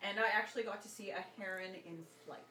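A woman co-hosting a casual podcast, chatty with quick short reactions. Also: mid-range voice, fairly even intonation, pushed and bright. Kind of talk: casual chat. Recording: echoey room, faint noise.

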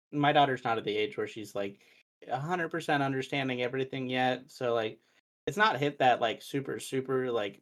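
A young man co-hosting a casual podcast chat, telling family stories with lively quoted voices. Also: medium pitch. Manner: animated storytelling, quoting family in put-on voices. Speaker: podcast co-host.

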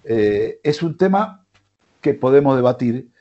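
A man's voice: mid-range voice, lively intonation, unhurried, highs cut off. A man with an Argentine accent hosting a sports radio show, rambling with many fillers and restarts. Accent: Argentine Spanish. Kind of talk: casual sports radio talk. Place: radio studio.

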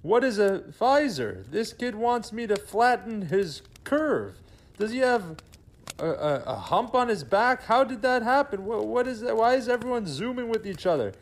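A man's voice: sits high, sing-song, moderate pace, heavily acted. A man playing a bewildered old Santa Claus in a comedy sketch, exclaiming in confusion. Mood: baffled.

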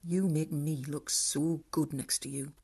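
A woman's voice: low voice, steady tone, unhurried, darkish tone, breathy edge. A woman playing a catty, bossy young friend who mocks and teases. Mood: mocking. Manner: mocking, bossy.

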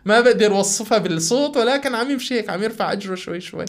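Syrian arabic guy telling his story on a podcast, talks really fast, keeps restarting words. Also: sits high, animated. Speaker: podcast guest. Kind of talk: conversational personal storytelling.

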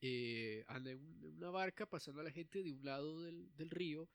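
A young man co-hosting a casual chat, animated and quick to laugh, often acting out the lines he talks about. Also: a little high, gravelly, no room sound. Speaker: podcast co-host.

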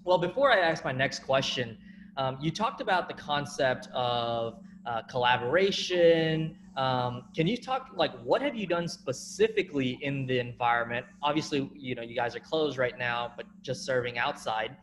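A man hosting an interview, asking questions in a friendly, halting way with many fillers. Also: mid-range voice, lively intonation, fairly bright tone, a little hiss or hum. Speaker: interview host. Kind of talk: interview conversation.

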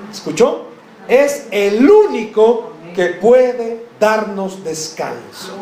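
A man preaching a sermon, his voice pitched high. He puts questions straight to the congregation, drops in joking asides and slows right down to hammer key words. The sound rings around a reverberant room with a faint hum underneath. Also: dark tone. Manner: slows and stresses words for emphasis. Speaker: pastor. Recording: echoey room, faint background noise.

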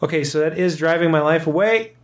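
Male quiz host, slightly higher pitch, relaxed and unscripted conversational delivery. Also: fast talker. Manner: casual, easygoing chat. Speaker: host of a music quiz show. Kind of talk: natural unscripted talk.

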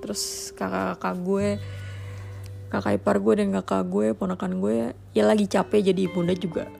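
A woman's voice: medium pitch, level tone, normal speed, vocal fry, mellow, faint music behind. A young woman, talking in a chatty, slangy, exasperated casual monologue.

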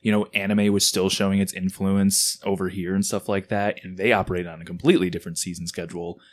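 Jokey low-voiced podcast guy. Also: level tone. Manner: jokey, quick to throw in silly voices and quips. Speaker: podcast co-host. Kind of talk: casual chat.

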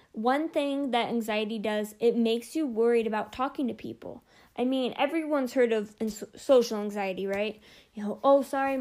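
A young woman talks on her own podcast in a slightly high voice. She speaks casually and openly, with plenty of "like" and "you know" filling out her sentences. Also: vocal fry, darkish tone. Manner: chatty, lots of fillers like "like" and "you know"; open and personal. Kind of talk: casual solo talk.

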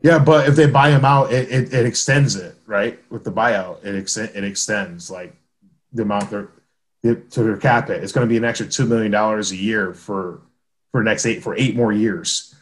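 A man's voice: fairly low pitch, moderate pace. A man co-hosting a sports podcast in casual chat, rambling with frequent restarts and laughs. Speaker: podcast co-host.

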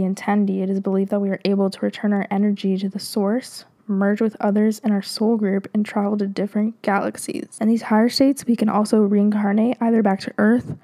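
A woman's voice: medium pitch, warm tone. Giggly young woman, casual podcast ramble. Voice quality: slightly nasal. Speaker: podcast host. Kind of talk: casual solo podcast chat.

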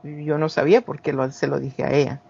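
His voice is fairly high and darkish, with a flat, brisk delivery that's creaky and breathy at the edges. This Guatemalan guest in his forties, with a Guatemalan Spanish accent, tells personal stories casually and ramblingly, with restarts and dramatized quotes, on a dull lo-fi recording.

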